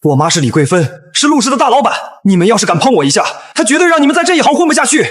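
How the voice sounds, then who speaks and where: A man's voice: high voice, very animated, fast. A man voicing an arrogant, spoiled young bully in an audiobook drama, sneering and boastful. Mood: blustering.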